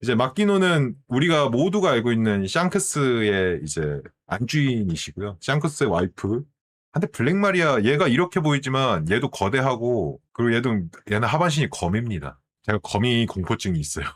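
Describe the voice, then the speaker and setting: A man streaming, chatting casually in an animated way and often asking his viewers questions. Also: medium pitch, moderate pace. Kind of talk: casual commentary.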